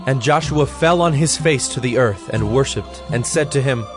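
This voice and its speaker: A man reads scripture from a script, telling it in a formal, measured storytelling style. His voice is mid-range, and music plays in the background.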